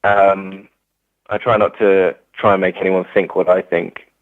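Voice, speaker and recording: Unhurried and level in tone, a young English musician's low-pitched voice carries through a casual interview as he hesitates with fillers and restarts. The recording lacks room sound but comes across tinny, as if over a phone.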